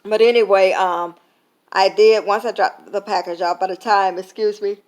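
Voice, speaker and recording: A woman's voice: medium pitch, fairly even intonation, normal speed, darkish tone. Tired woman, casual vlog talk with lots of "um", retelling with quoted dialogue. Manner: conversational, many fillers, retelling with quoted dialogue. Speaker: vlogger sharing a faith lesson. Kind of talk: casual reflective talk to camera.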